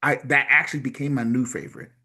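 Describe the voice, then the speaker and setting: A man's voice: medium pitch, steady tone, fast, sharp tone. A man co-hosting a casual movie podcast, laughing often and quoting scenes with gusto. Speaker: podcast co-host.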